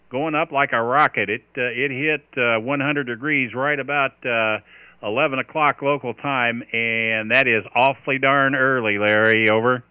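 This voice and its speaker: A man's voice: medium pitch, smooth. Clean-voiced man on marine-style radio, dull audio. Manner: chatty, procedural radio talk. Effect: two-way radio. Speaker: amateur radio net controller. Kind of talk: marine-radio style ham radio net exchange with call signs and "over".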